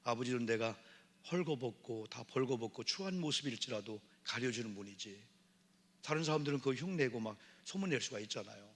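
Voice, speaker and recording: Middle-aged Korean pastor preaching in a reverberant church. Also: male voice, medium pitch, slightly rough. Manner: conversational preaching, acting out quoted voices, addresses congregation often. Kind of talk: sermon. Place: church sanctuary.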